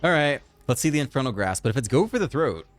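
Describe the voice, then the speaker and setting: A man giving casual, chatty commentary over his own card game, thinking aloud and breaking into excited outbursts. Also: medium pitch, fast talker. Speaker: gaming channel host.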